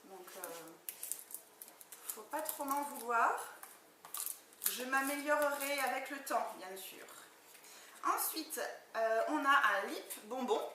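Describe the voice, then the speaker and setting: A beauty vlogger with a high-pitched voice unboxes makeup indoors, chatting enthusiastically and casually with lots of fillers, speaking slowly and pausing often. She's filmed from a distance on the camera mic, so the room sounds echoey and there's background noise.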